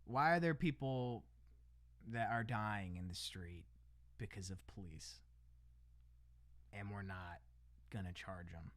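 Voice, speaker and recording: A man's voice: on the low side, takes it slowly, long pauses, fairly bright tone, dry recording. A man talking casually on his livestream, rambling with lots of restarts, tossing in "bro" and "man" and laughing between lines. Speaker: livestream host.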